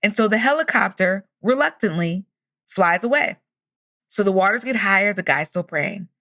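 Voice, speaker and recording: A woman's voice: mid-range voice, animated, normal speed, pushed and bright, no room sound, studio quality. A woman hosting a motivational podcast, telling stories and speaking with enthusiasm. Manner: enthusiastic, storytelling. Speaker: podcast host.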